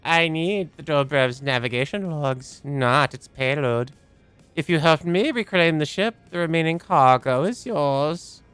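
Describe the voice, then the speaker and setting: A man voicing a solemn artificial intelligence from a video game in a deliberate, formal manner. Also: a little high, a bit bright, clear, resonant tone, voice pushed up. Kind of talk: video game dialogue read aloud. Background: game music.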